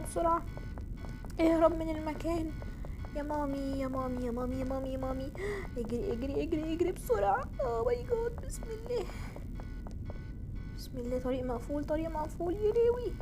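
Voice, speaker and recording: Excitable Egyptian woman gamer, high voice. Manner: excitable, shrieks and repeats words in bursts. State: out of breath. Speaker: gaming channel host. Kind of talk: horror game let's-play commentary.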